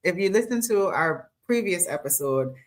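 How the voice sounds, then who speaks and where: A woman's voice: lowish voice, expressive, normal speed. A woman co-hosting a casual podcast, talking in an emphatic, explanatory way. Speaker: podcast co-host. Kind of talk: casual conversational podcast talk.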